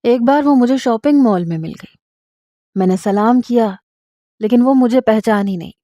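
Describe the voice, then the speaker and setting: A woman narrating a first-person romantic story in a steady, scripted reading style. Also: on the high side, dry recording, highs cut off.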